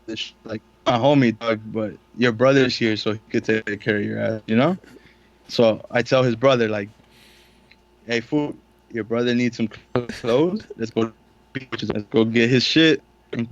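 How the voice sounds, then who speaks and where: A man's voice: mid-range voice, gravelly, lo-fi sound. A young man, a podcast co-host, telling a story in casual, profane slang and acting out the quotes. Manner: slangy, swears a lot, acts out quotes.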